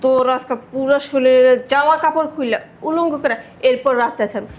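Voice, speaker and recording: An actress plays a bullying young wife in a drama. Her voice sits high and she shouts insults scornfully. A faint background noise runs under the scene. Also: a little fast, dull audio, close to an everyday voice. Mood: furious. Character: spiteful shrill young wife, bullying her mother-in-law.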